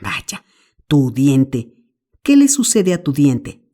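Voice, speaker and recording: A woman's voice: low voice, big pitch swings, slow, dark tone, heavily acted. A woman voicing an elderly aunt who scolds and fusses over a boy, in an audiobook. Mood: scolding. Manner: scolding, flustered. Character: fussing elderly aunt, loving but stern.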